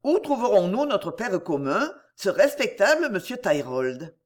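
Ardent young suitor from a storybook reading, pleading, impassioned, voiced in a lively way by a woman narrator. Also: medium pitch, a little slow. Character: earnest lovesick young gentleman.

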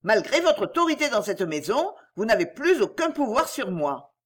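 A woman voicing a proud, volatile aristocratic lady in an audiobook, speaking vehemently and passionately. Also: a little high.

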